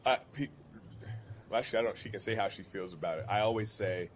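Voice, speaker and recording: A man's voice: on the low side, fast. A middle-aged man from California, a podcast guest speaking thoughtfully in casual conversation, often restarting his sentences. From California, United States. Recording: audible background noise.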